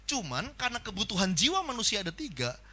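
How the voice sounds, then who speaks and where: A man preaching a sermon in a church, talking with animation and acting out the people he quotes in loud bursts. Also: high voice, wildly swooping pitch, fast talker. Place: church hall.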